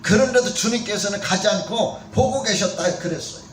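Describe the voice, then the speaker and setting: Male pastor, high voice, chatty sermon delivery, echoey room, a bit off-mic. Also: animated, brisk, recorded from a distance, slight background noise. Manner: conversational preaching with questions to the congregation. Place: church sanctuary.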